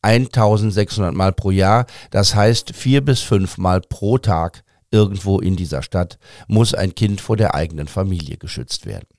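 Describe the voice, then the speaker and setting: A man's voice: sits low, normal speed, hardly any pauses, darkish tone, dry recording, studio quality. A man hosting a news podcast, presenting scripted news.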